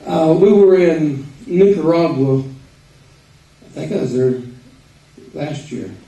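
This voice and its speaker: A man with an Arkansas accent giving an informal, folksy sermon with halting pauses. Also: on the high side, expressive, mellow. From Arkansas, United States. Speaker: preacher. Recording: roomy echo, distant microphone.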